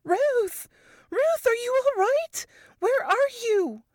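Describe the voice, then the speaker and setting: A frantic young woman shouts high and urgent through the wreckage of a bombed house, as a woman reading the story puts her on. Her calls sound strained and thin, pitched far above an ordinary speaking voice, in a dry, close storybook reading. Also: lively intonation, takes it slowly, no room sound, heavily acted. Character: frantic young woman searching bomb rubble for her friend.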